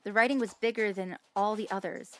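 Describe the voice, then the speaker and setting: A woman's voice: medium pitch, steady tone, fairly quick, a little hiss or hum. A woman streamer reading the text of a story game aloud, stumbling over unfamiliar words with light asides.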